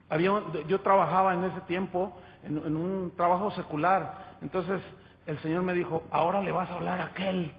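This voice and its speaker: A man's voice: high-pitched, creaky. A man preaching as pastor, telling a story and calling his listeners "brother" over and over. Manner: storytelling, addresses listeners as "hermano". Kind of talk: sermon testimony. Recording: muffled, echoey hall.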